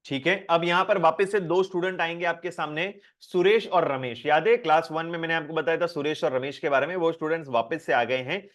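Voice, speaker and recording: A man teaching a live online class. He speaks in a lively, repetitive way and keeps asking the class questions to check that they follow. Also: on the high side, brisk, few pauses.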